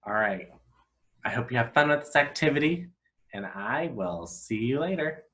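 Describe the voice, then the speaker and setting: Man, elementary teacher, playful kids' video lesson, animated and upbeat, mid-range voice. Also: medium pitch, moderate pace.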